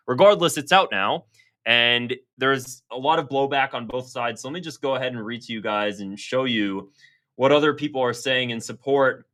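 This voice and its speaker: A man with a bright, forceful, mid-range voice talks casually to his viewers as an online political commentator and host. He reads quotes aloud and comments on the news in a conversational way, sometimes stumbling and repeating words.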